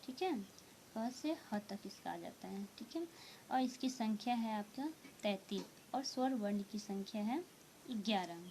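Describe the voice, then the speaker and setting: A woman teaching a grammar lesson to students, explaining slowly and repeating each point with frequent check-ins. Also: mid-range voice, expressive, darkish tone, a little hiss or hum. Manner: slow, repetitive explaining with frequent "theek hai" check-ins. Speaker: Hindi teacher.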